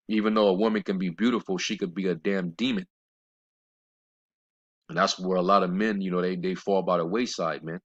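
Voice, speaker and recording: A man giving informal scripture commentary in a blunt, scornful way, rambling with fillers and slowing down to read verses. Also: low voice, a bit bright. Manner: rambling, with many fillers and restarts; reads scripture in a slower, measured cadence. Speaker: religious commentator. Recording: dull lo-fi recording.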